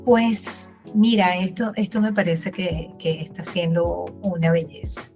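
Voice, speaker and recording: A woman hosting a radio interview, speaking slowly and answering her guest's stories with short, affirming remarks. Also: fairly low pitch, darkish tone, soft background music.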